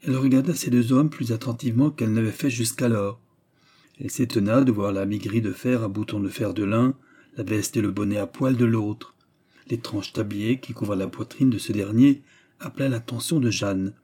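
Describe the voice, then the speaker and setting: Un homme lit un roman classique en livre audio, d'un ton posé et régulier. Sa voix est sombre, douce et un peu voilée, sans éclat. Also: male voice, lowish voice, fairly even intonation, normal speed, dark tone, slightly rough. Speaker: audiobook narrator. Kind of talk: scripted literary narration.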